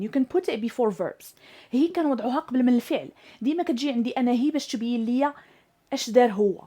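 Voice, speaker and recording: High-voiced Moroccan woman teaching English. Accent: Moroccan Arabic. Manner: slows right down and stresses example sentences. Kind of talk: explaining at a whiteboard, switching between Moroccan Arabic and English.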